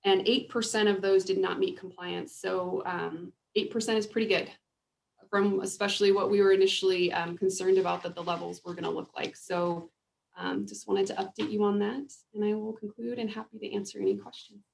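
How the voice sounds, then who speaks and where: Woman on a video call, gravelly. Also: mid-range voice, little pitch movement, slight background noise. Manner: measured, with frequent ums and restarts. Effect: heard over a video call. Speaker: state agriculture program staff. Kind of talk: presenting a program update at a board meeting. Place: remote, joining a video conference.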